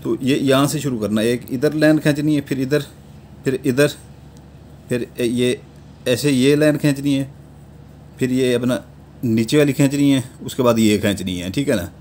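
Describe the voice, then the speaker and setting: A man with a Pakistani Urdu accent calmly teaching how to draw a charm step by step, checking in with a repeated tag after each step. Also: medium pitch, slight background noise. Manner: unhurried, repeats a verbal tic after nearly every step. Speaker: amulet-making teacher. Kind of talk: step-by-step instructional talk.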